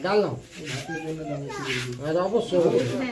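A man's voice: sits high, very animated, unhurried. A man filming a casual family travel vlog, chatting, teasing his relatives and breaking into song, first on a beach at night and then at dinner. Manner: chatty, teasing family members, bursts of singing. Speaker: vlogger.

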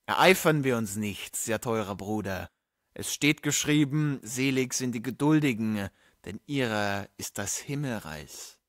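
A man voicing a sharp-witted table jester who teases with mock-solemn remarks. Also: medium pitch, measured pace, no room sound, studio quality, close to an everyday voice.

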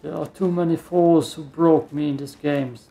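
A man's voice: on the high side, fairly even intonation, normal speed, vocal fry, dark tone. A man streaming a video game with casual commentary, muttering to himself and repeating his phrases.

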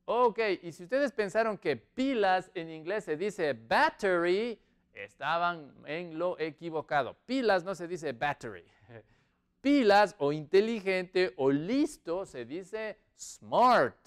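Man, English teacher, online lesson, slow drilling delivery, animated pitch, clear resonant voice. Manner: slow, drawn-out English model sentences between quick Spanish explanations; repeats and drills words for learners.

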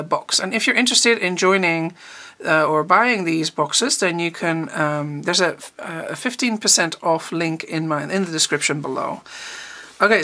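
Bright-voiced, chatty woman unboxing supplies. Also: lowish voice. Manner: chatty and enthusiastic, thinking aloud. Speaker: art teacher. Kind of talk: casual unboxing chat.

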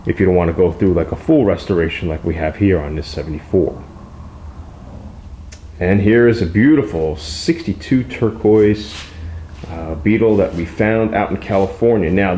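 Low, mellow man touring his garage. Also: slight background noise. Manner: relaxed, rambling with many fillers. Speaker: classic car restoration shop owner. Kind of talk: casual walkaround shop tour. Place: indoor car restoration garage.

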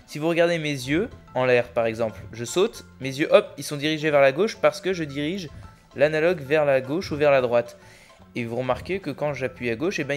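A man giving casual, chatty commentary while playing a video game, exclaiming and thinking aloud. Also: a little high. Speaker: let's play gamer.

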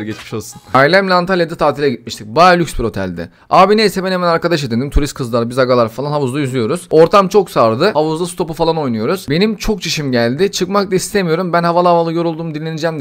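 A young man telling embarrassing stories as a comic monologue, slangy and animated. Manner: animated, slangy, quick comic storytelling with swings in pitch.

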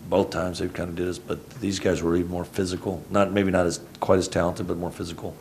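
Very deep, gravelly coach at a press table. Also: male voice, flat delivery, quick pace, a little mellow, slight background noise. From Houston, Texas. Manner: rambling, self-correcting, low-key. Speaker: head basketball coach. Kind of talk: postgame press conference answers. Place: press conference room. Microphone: table mic on a stand.

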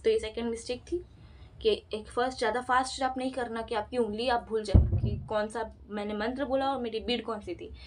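A woman's voice: a little high, fairly even intonation, fairly quick, a little mellow, slight background noise. A woman in a casual instructional vlog, teaching devotional chanting in a chatty way, slipping English phrases into Hindi and showing the steps with her hands. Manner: demonstrates with her hands while explaining.

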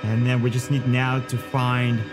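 A man's voice: medium pitch, flat delivery, measured pace, over loud music. A man playing a horror game and commentating as he thinks aloud, easily spooked like a scared streamer.

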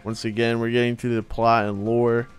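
A man streaming a game and commenting, excitable, laughing and shouting often, swearing a lot. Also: medium pitch, normal speed, soft background music. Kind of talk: gameplay commentary.

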